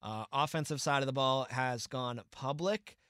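Man, sports podcast co-host, animated and opinionated, mid-pitched voice, dry close sound. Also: clean tone, no echo. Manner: animated, opinionated, quick asides and mock quotes. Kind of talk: casual sports podcast chat.

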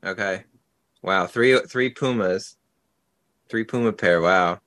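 A man co-hosting a podcast in casual banter, easygoing and quick to laugh. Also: low-pitched, fairly bright tone, dry recording, studio quality. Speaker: podcast co-host.

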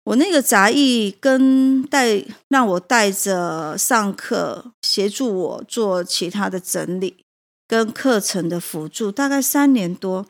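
A woman's voice: medium pitch, slow pace. A woman, a prison teacher and café owner, telling a personal story with emotion and hesitant restarts.

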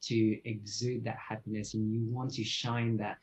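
A man's voice: lowish voice, little pitch movement, normal speed, low-quality recording. A man from France, a podcast guest, speaking earnestly and reflectively in casual chat.

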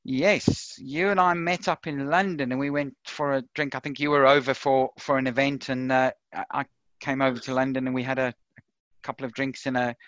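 A middle-aged man with a South African accent, a software consultant appearing as a podcast guest, chats casually in an interview. His medium-pitched voice is flat, brisk and fairly bright, and the audio is dull but free of echo. He talks with lots of fillers, repeated words and restarts.

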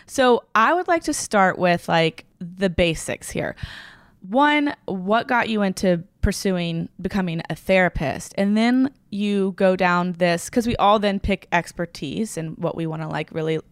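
Gravelly-voiced lady hosting a podcast, talks chatty with lots of "like"s, dead dry sound. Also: lowish voice, unhurried, dry recording. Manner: chatty, gushing, lots of filler "like". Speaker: podcast host. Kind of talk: casual podcast intro and interview. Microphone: remote call recording.

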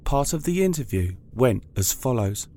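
A man's voice: mid-range voice, sing-song, moderate pace, warm tone, slight background noise. A man reading scripted true-crime narration in a formal, factual manner.

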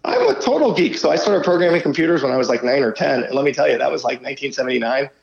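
A man's voice: mid-range voice, expressive, racing, vocal fry. A man in his fifties, a startup founder and guest, talking casually in an interview, full of "you know" and "right?", heard over dull lo-fi call audio. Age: 50s.

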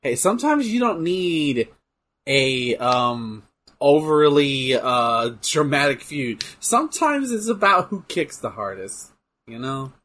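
A man's voice: medium pitch, very animated, slow, fairly bright tone. A young man casually chatting and joking while playing a game, swearing and laughing often. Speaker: co-host. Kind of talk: casual gaming chat with commentary.

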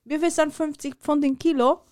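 A woman's voice: high voice, fairly even intonation, normal speed, a little mellow. A woman co-hosting a casual comedy podcast, playful and teasing, laughing a lot. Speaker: podcast co-host.

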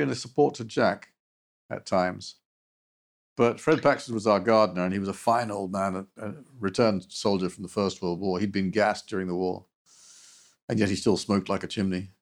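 An older man, recalling his past as an interview guest in a halting, reflective way. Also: on the low side. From United States. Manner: halting, with restarts and soft trailing endings. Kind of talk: reflective personal recollection.

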